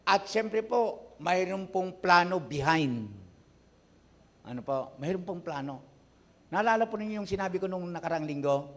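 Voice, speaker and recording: A man's voice: animated, moderate pace. A Filipino man preaching a sermon as pastor, often asking the congregation questions and answering them himself. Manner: addresses the congregation often, asks questions and gives its replies; rises from quiet, low delivery to loud, high, emphatic preaching. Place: church service.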